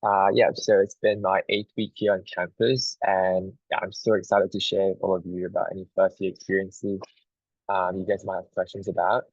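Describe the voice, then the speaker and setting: A man's voice: low-pitched, moderate pace, dry recording. A man in his twenties from Singapore, a first-year student introducing himself casually on an online panel. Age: 20s. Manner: casual, relaxed, with filler words. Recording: dull lo-fi call audio.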